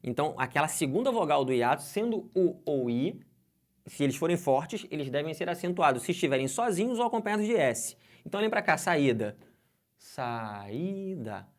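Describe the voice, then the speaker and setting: A Brazilian man teaches grammar for an exam-prep course. He talks with lively energy, keeps asking his students questions and slowly draws out the example words. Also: fairly high pitch. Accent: Brazilian Portuguese.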